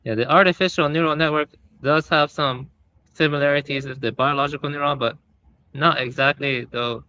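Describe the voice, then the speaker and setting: A man's voice: fairly high pitch, steady tone, moderate pace, pushed and bright, clean tone, no room sound, highs cut off. A man in a casual chat explaining neural networks, hedging with lots of fillers. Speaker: podcast participant.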